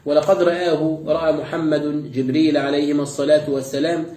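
Man, exegesis teacher, recites verse then explains words, fairly high and flat delivery, dark tone. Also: quick pace. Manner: recites a verse, then glosses each word. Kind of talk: tafsir lesson, verse by verse. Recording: echoey room, voice distant from mic.

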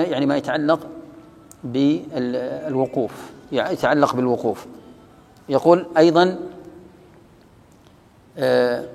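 Gravelly man teaching in a reverberant hall. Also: mid-range voice, darkish tone. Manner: explains slowly, quotes and repeats lines of a didactic poem. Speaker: teacher of Quranic sciences. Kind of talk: religious lesson explaining a verse text.

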